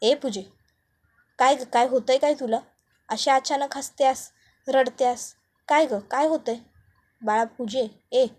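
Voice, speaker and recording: A woman's voice: measured pace, long pauses. A woman voicing a simple, pleading village wife. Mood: coaxing. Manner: pleading, higher and louder.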